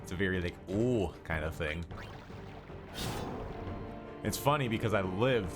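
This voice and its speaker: Brief: Midwestern streamer, very low voice, loose rambling chat with plenty of ums and likes, game music underneath. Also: male voice, lively intonation, normal speed. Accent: city Midwest (Wisconsin). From Wisconsin, United States. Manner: rambling, filler-heavy, laughs often. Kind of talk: casual gaming stream commentary.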